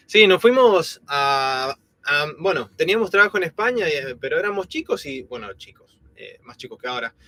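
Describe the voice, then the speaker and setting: Fairly high and sing-song, the voice belongs to a man in his thirties from Argentina who has lived in Spain for years, which has softened his accent. Co-hosting a live stream, he talks casually at a moderate pace, full of fillers and restarts.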